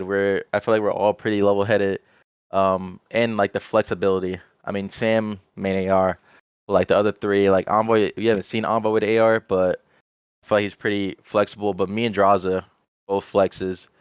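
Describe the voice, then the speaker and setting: Guesting on a podcast, a young male pro player rambles casually and says "like" constantly. His voice is low with a clean tone and no echo, but the audio is a bit muffled.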